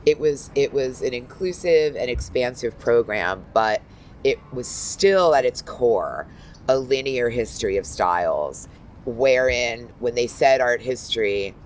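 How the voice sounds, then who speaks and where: A woman in her fifties, a guest art critic, talking in a lively, animated way full of asides. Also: extremely low pitch, measured pace, slight background noise, low-quality recording. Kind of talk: casual interview talk.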